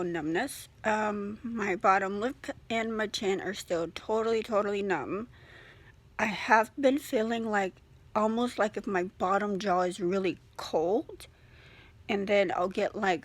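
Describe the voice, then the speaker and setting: Young woman speaking with a sore, stiff jaw. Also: medium pitch. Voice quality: slightly impeded speech from a sore, stiff jaw that barely opens. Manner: talks with a sore jaw, mouth held fairly closed. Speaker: vlogger giving a surgery recovery update. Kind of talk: casual video diary chat.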